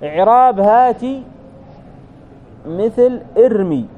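Guy teaching a grammar class, high voice, keeps repeating things and checking everyone's following. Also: animated, slow pace, narrow, tinny audio, a little hiss or hum. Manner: repeats key phrases and checks in with listeners.

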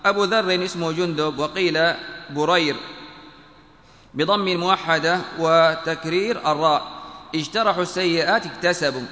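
A man giving a lesson, reading a classical text aloud in a measured, careful way, often repeating phrases to fix a slip. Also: fairly high pitch, bright, forceful tone. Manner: measured, pedantic spelling out of vowels, repeats phrases when correcting. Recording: echoey room with long reverb.

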